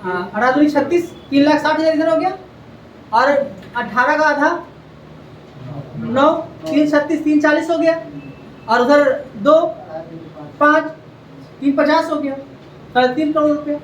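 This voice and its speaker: A man gives a classroom lecture, repeating key facts and firing questions at his students. His voice sits high, and the room rings around it. He is heard from a distance, with faint background noise. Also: a little slow, pauses often, lo-fi sound. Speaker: coaching teacher. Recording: echoey classroom, heard from afar.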